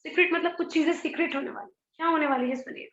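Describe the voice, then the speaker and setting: A high-pitched woman teaches a school biology lecture, explaining each step and stopping to ask rhetorical questions. Her voice rings in an echoey room. The recording sounds muffled and dull. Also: very fast, fairly bright tone. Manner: explains in mixed Hindi and English, asks rhetorical questions.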